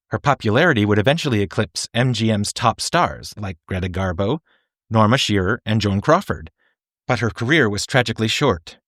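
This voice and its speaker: A man narrating a scripted film review in a polished, articulate way, with measured phrasing. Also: on the low side, fairly bright tone, dry recording, studio quality. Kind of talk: scripted video-essay narration.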